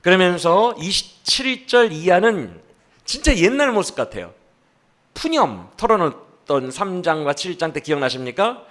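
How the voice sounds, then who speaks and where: A male pastor preaching a sermon at a church service, animated and asking the congregation questions as he acts out the speaker's complaints. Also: high-pitched, normal speed.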